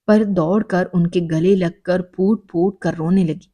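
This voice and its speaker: A woman's voice: fairly low pitch, fairly even intonation, mellow, slightly rough. A woman telling a dramatic first-person story in an emotional narrating style.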